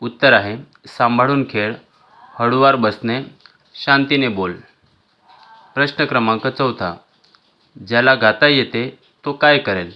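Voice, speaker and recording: A man calmly works through a school workbook, reading each question and then its answer in turn. His pitch sits in an ordinary middle range. The recording sounds a little dull and lo-fi. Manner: measured, listing answers one by one. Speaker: teacher. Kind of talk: reading out textbook exercise answers.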